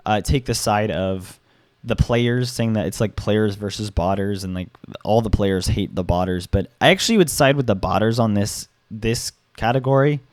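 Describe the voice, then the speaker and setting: A hoarse young man giving his opinion in a casual vlog, rambling with many fillers and restarts and the odd swear. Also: on the low side, darkish tone, dry recording, studio quality. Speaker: gaming YouTuber.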